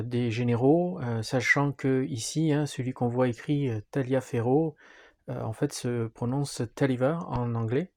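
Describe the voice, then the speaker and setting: A man with a gravelly, dark voice walks viewers through setting up a historical wargame. He pauses often with fillers as he sorts the pieces and explains each step. The tone is that of a relaxed tabletop tutorial. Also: mid-range voice. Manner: hesitant, frequent fillers while handling pieces. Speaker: board game presenter. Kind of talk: wargame rules walkthrough.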